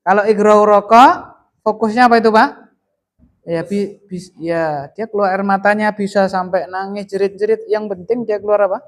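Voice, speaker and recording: A man teaching Arabic grammar in a classroom, quizzing students with lively rising and falling emphasis. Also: high voice, moderate pace. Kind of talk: classroom lesson with call and response.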